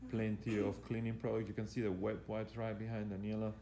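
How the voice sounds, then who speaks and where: A man's voice: fairly low pitch, flat delivery, brisk, dark tone. Male fitness coach in an echoey gym. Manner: hesitant, repetitive, instructional. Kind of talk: live exercise demonstration commentary. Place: indoor gym. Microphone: handheld camera operated by the speaker. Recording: echoey room, faint background noise.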